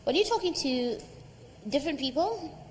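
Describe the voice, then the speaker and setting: A woman on a reunion panel, playful and quick-witted. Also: high-pitched, expressive, big-room sound, slight background noise. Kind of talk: panel discussion.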